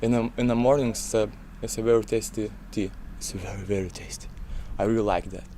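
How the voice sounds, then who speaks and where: A young man at a youth exchange, speaking in simple, halting phrases. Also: fairly low pitch, steady tone, warm tone. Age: young adult.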